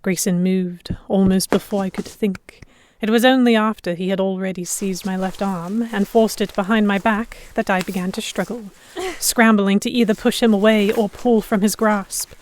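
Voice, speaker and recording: Playing a defiant, sheltered young lady held captive by pirates, a woman narrates an audio drama in first person with articulate, literary, reflective phrasing. Her mid-range, darkish voice keeps fairly even intonation and a moderate pace, close to an everyday voice, with a tense, alarmed mood. There is slight background noise.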